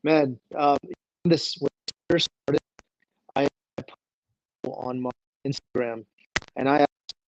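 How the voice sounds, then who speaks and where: A man's voice: mid-range voice, steady tone, takes it slowly, long pauses. A man joining a live stream over a remote call in casual chat, his audio choppy and cutting out like a failing connection. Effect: choppy, cutting-out glitchy audio. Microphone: remote video call. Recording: dull lo-fi call audio with faint noise and clicks.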